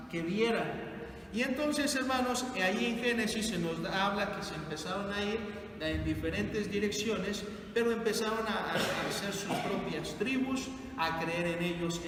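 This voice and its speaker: High-voiced man teaching in an echoey hall. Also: a bit bright. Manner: asks the group questions and repeats their answers. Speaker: Bible study teacher. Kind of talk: classroom Bible lesson with questions to the group. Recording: echoey hall from far off, noisy.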